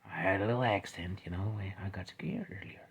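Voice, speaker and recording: Man doing a nervous hushed young boy. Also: sits low, fast, gravelly, slightly rough, pitched below the performer's own voice, heavily acted. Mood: sheepish. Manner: hesitant, hushed.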